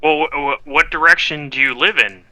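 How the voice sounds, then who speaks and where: Bright-toned eager player. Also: male voice, a little high, a little fast, no room sound, poor audio. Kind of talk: tabletop role-play.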